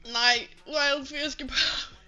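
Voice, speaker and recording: A woman's voice: sits high, steady tone, pushed and bright, soft background music. A young woman livestreaming, overwhelmed and swearing constantly as she laughs through tears, on slightly muffled lo-fi stream audio. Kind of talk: live stream chat.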